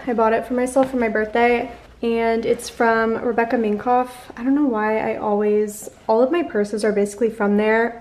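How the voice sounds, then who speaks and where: Chatty young woman vlogging at home. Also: on the high side. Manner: chatty, relaxed, with frequent fillers. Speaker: lifestyle vlogger. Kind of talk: casual vlog chat. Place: modern apartment kitchen, indoors. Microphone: handheld camera filming in a mirror or at arm's length.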